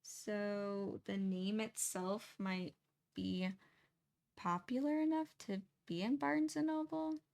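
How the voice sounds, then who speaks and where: A woman's voice: medium pitch, slow pace, gravelly, darkish tone. A young woman chatting casually and a little sleepily as she paints, rambling and laughing often. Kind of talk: casual chat while painting.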